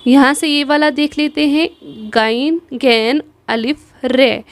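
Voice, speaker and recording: A high-pitched woman with a slightly gravelly, creaky voice and a Kashmiri accent, patiently walking beginners through joining Urdu letters. She recorded close to a dry, deadened mic, and she pauses often to check in before spelling each letter slowly. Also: dry recording. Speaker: Urdu teacher. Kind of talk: online exam-prep lesson.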